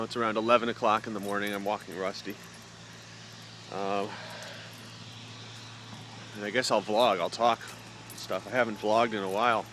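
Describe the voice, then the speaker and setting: A man chatting casually and rambling as he vlogs on a walk outdoors. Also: lowish voice. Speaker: vlogger. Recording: noisy outdoor background.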